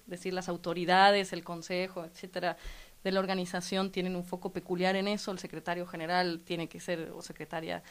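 A woman from La Plata whose Argentine accent is mixed with Mexican, explaining her organization's work calmly and fluently as a guest in a radio studio interview. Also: fairly low pitch. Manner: measured, fluent, structured explanations with frequent "¿no?" and "digamos". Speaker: guest, coalition president.

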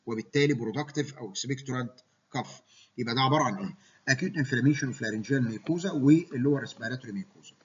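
A man's voice: mid-range voice, lo-fi sound, slight background noise. A man with an Egyptian Arabic accent giving a medical lecture, mixing English medical terms into his Arabic and often checking that students follow.

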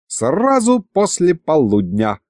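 A man's voice: on the high side, huge pitch swings, slow pace, darkish tone, no echo, studio quality, voice pushed up, exaggerated voice. Brief: old village grandpa, sly and chuffed, male narrator's put-on voice. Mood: folksy. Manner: shuffling, folksy. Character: old grandfather, cheeky and gloating.

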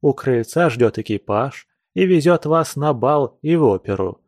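A man's voice: mid-range voice, lively intonation, unhurried, darkish tone, no room sound, studio quality. A man reading a classic novel aloud, voicing a passionate, earnest young nobleman with urgent, lecturing speech. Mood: fervent.

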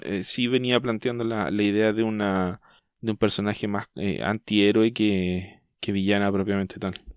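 A Chilean man hosting a podcast in casual chat, talking thoughtfully and often pausing to restart his sentences. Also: on the low side, clear, resonant tone, no echo, clean studio sound. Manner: thoughtful, hesitant, trails off and restarts mid-thought. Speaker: podcast host.

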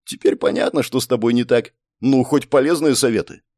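A man voicing a brisk, mocking young woman who is a player in a game world, in an audiobook. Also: mid-range voice, darkish tone, no echo, clean studio sound, lightly acted. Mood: teasing, brisk. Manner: snappy, teasing, exclamatory.

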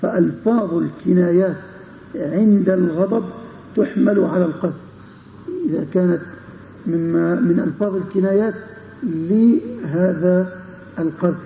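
Gravelly-voiced lecturer in an echoey room. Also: male voice, high voice, moderate pace, long pauses, a little hiss or hum. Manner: explains with repeated checking questions to students. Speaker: Islamic scholar teaching a text. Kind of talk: classroom lecture on a legal text. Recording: dull lo-fi recording in an echoey room.

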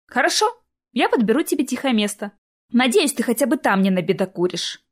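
A woman's voice: fairly high pitch, sing-song, brisk. A woman voicing a slight, firm woman of about thirty who speaks coolly and commandingly. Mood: calm. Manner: cool and commanding.

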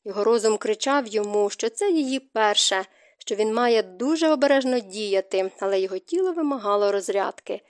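A woman narrating an audiobook romance novel in an expressive, emotive reading. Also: medium pitch, fairly quick.

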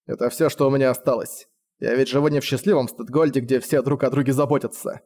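A man's voice: mid-range voice, fast, lightly acted. A man voicing a sullen, bitter young man who speaks curtly and without expression in an audiobook. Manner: flat, expressionless, curt.

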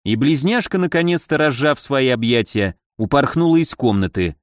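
A man narrating a first-person audiobook in a wry, expressive way. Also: mid-range voice, normal speed, no echo, clean studio sound.

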